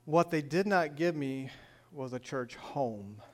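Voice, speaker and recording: Speaking slowly in an expressive, rather high voice, an older northern Michigan man tells his faith testimony as a church speaker. He recounts it earnestly, like a story, often saying "uh."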